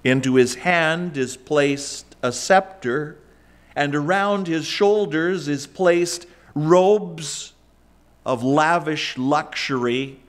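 A middle-aged pastor preaches slowly and deliberately in a church sanctuary, his fairly high voice rising and falling for emphasis. He speaks into a lectern microphone, gesturing as he drives each point home. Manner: emphatic preaching with wide swings in pitch and loudness, gesturing. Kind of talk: sermon.

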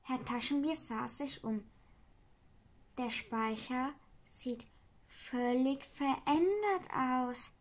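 A woman reading a children's book aloud, slowly and carefully. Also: high-pitched.

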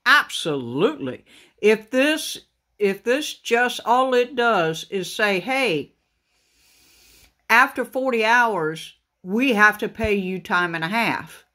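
A truck driver talks to his audience in a slow, unhurried way. He stops and restarts often and fills pauses with ums and uhs. It sounds like an off-the-cuff video recorded by phone. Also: high-pitched, expressive, pushed and bright. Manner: unhurried, halting, many fillers and restarts. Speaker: trucker vlogger. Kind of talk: casual talk to camera. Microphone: phone camera pointed at a laptop screen.

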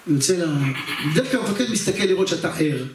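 A man's voice: high-pitched, lively intonation, a little hiss or hum. A man, a rabbi, telling a personal story during a religious talk, addressing the audience directly and acting out the scenes. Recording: very echoey hall, far from the mic.

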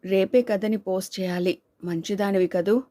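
A devoted, idealistic husband and writer in a storybook reading, tender and earnest, as a woman reader puts him on. His lines sit in a mellow, flat register with little rise or fall. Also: mid-range voice, moderate pace, lightly acted.

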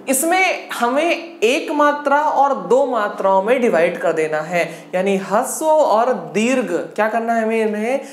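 A woman teaching an exam-prep language lesson, drilling the class with questions she answers herself. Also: on the high side. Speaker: Hindi teacher. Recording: echoey room.

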